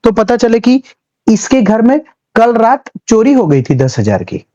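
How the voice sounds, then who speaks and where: This male history teacher, preparing students for the civil services exam, lectures in class with a very high-pitched, warm voice that swings hugely in pitch. He takes his time, spins chatty stories, acts out little scenes and mixes in English terms, all captured on lo-fi audio.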